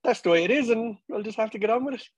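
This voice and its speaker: A man's voice: sits high, rapid-fire, husky, no room sound. A man chatting casually as a guest on a football fan show, hesitant and repeating words. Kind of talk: casual chat.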